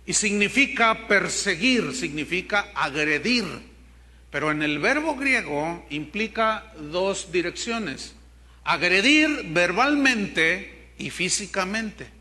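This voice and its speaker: This older man from Mexico is a storytelling preacher whose high-pitched voice sounds pushed and bright. In his Mexican Spanish accent, he preaches to his congregation, weaving in humorous tales and joking with them.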